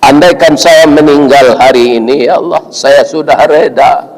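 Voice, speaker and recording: A man's voice: a little high, moderate pace, a loud crowd, natural voice, rough recording. A man voicing an elderly male monk who prays solemnly, on the verge of tears. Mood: tearful prayer. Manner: solemn prayerful pleading.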